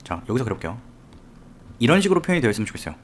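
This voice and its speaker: A man teaching a software tutorial step by step, often asking the viewer questions as he works. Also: medium pitch, big pitch swings, very fast, slight background noise. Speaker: software instructor. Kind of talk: screen-recorded tutorial.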